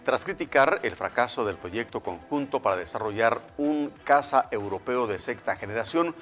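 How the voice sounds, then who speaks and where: A man reading news headlines as an anchor, with a crisp, formal delivery. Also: medium pitch, animated, normal speed, a bit bright, soft background music.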